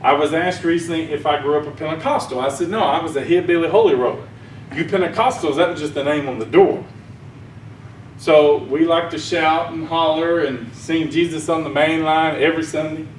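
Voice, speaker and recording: In an echoey conference hall, heard from a distant mic over slight background noise, a man from Arkansas delivers a rambling, folksy sermon talk. His Southern-accented voice is fairly high and steady, moving a little fast, and he chuckles at his own jokes.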